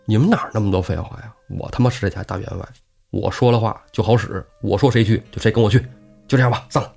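A man's voice: on the low side, fast talker, creaky, darkish tone, slightly rough, faint music behind. A man voicing an arrogant, domineering wealthy squire who curses and gives orders, in a storytelling podcast. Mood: bossy. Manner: bossy, curses.

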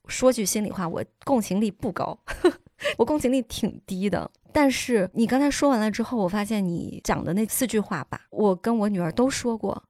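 A woman co-hosting a casual chat, speaking in a measured, reflective way. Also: mid-range voice, expressive, darkish tone, no room sound, clean studio sound. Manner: measured, reflective, frequent murmured agreement. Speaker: podcast co-host.

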